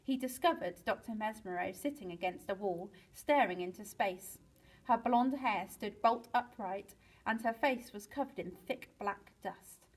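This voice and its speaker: A woman, a teacher, reading a children's book aloud to pupils in a lively storytelling way, with big swings for the exciting parts. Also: medium pitch, unhurried, breathy edge, poor audio.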